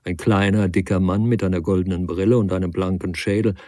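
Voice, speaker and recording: An older man reading a literary novel aloud as narrator, measured and calm. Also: sits low, dry recording.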